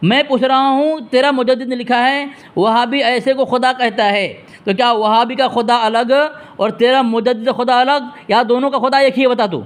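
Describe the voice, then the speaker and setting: A man's voice: extremely high pitch, steady tone, few pauses. A man hosting a heated phone debate, scolding and insistent, repeating his demands and turning aside to address listeners. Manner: turns aside to address the audience. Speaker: debate host on a phone call.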